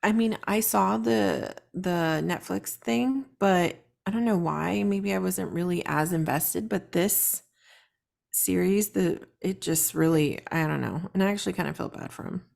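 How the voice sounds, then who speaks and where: Gravelly-voiced woman podcast guest. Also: lowish voice, measured pace, a little mellow. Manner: earnest, enthusiastic. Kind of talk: casual podcast chat.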